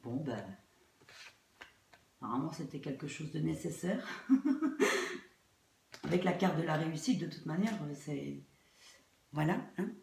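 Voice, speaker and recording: A low-pitched woman reads tarot cards informally for her online viewers while nursing a throat infection. She speaks hesitantly, often trailing off or circling back over the same phrase. The room is echoey, with faint noise behind her. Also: moderate pace, creaky, long pauses, a little mellow. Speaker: tarot card reader.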